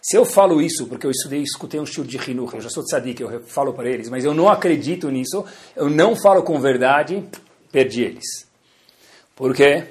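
A rabbi teaches a Torah lesson through stories, swinging lively between loud emphasis and soft asides and acting out the dialogue in them. He has a medium-pitched male voice and speaks fairly quickly.

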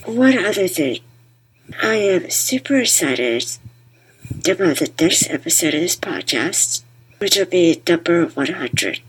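Very breathy, husky woman podcast host. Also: on the low side, rough recording. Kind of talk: podcast introduction and interview.

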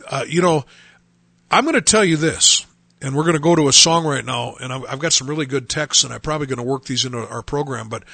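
A middle-aged pastor hosts a radio show and preaches with earnest emphasis. His voice is raised a little in pitch, gravelly and husky, with a bright, forceful edge. He often starts a phrase over before he finishes it. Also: dry recording. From United States.

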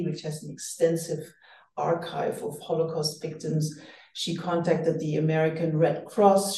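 This German-native woman, appearing as an author guest on radio, reflects earnestly and frequently starts her phrases over. She has a deep, warm voice, and the poor audio sounds roomy and distant.

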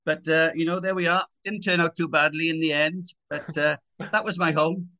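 A man in his sixties with a Swansea Welsh accent speaks as a guest in a conversational interview. His voice sits a little high for a man and has a clearly bright, forward edge. He talks in a personal, testimonial style. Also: steady tone, moderate pace. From Swansea, Wales. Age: 60s.

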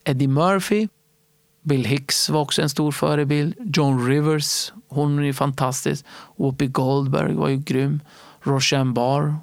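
A man telling stories in a casual interview, animated and fond of acting out other people's voices. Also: mid-range voice, gravelly, no room sound. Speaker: stand-up comedy entrepreneur and guest.

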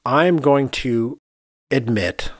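Here he speaks very slowly in a mid-range voice, with no room sound around him. The man is an architect hosting a podcast, chatting casually with emphasis and rhetorical questions.

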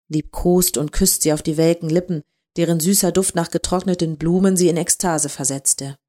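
Woman narrating a story, lower voice. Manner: calm, measured reading. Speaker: story reader.

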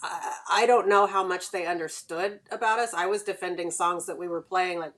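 A woman's voice: fairly low pitch, fairly even intonation, moderate pace, a bit bright. A middle-aged American woman, once a radio music programmer, casually reminiscing in conversation with old colleagues. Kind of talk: casual reminiscing on a group call. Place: video call.

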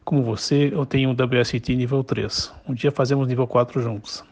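A man's voice: mid-range voice, steady tone, fairly quick, darkish tone. A man from Brazil with a Brazilian Portuguese accent, speaking in an orderly, explanatory way in a prepared voice message. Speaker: guest sending a voice message.

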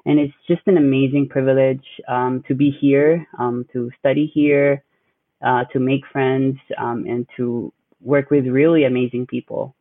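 A man's voice: medium pitch, level tone, a little slow, no echo. A young man from the Philippines, a graduate student, answering interview questions hesitantly with many fillers. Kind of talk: casual interview. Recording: dry tinny phone-like line.

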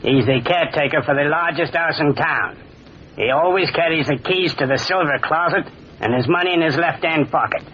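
A gloomy pickpocket, played by a man, speaks in terse, flat, slightly high lines. The dull old radio recording has a faint hiss. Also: fairly quick, lightly acted. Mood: curt. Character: gloomy, curt male pickpocket.

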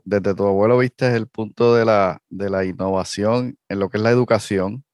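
A man's voice: fairly low pitch, darkish tone, dry recording, clean studio sound. A man hosting a podcast, affirming his guest and summarizing before asking his next question. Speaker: podcast host. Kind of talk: interview questions.

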